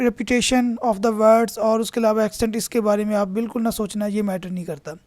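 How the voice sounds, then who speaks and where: A man's voice: sits high, a little mellow, no room sound. A man explaining an exam task step by step as a tutor, narrating over slides.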